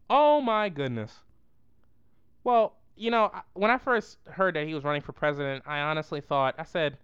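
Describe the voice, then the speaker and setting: A vlogger giving a casual, slangy and rambling political roast, with a clear voice. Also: mid-range voice, fairly bright tone, no echo, lo-fi sound.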